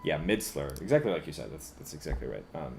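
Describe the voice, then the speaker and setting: Deep-voiced man musing while he works. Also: very animated, creaky, darkish tone, soft background music. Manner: halting and musing, many fillers, laughs at himself. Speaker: composer streaming live orchestration work. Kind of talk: casual live-stream, thinking aloud.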